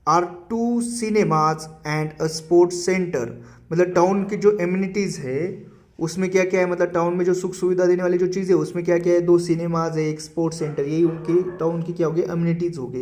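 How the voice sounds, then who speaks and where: A man teaching a casual vocabulary lesson for exam preparation, spelling words out letter by letter, reading English example sentences very slowly and often checking that the listener is following. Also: high voice, mellow.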